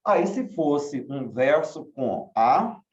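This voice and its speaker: A man teaching a class, asking questions slowly and repeating key words. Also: a little high, very animated, a little mellow. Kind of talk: online class lecture. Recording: echoey room, dull lo-fi sound.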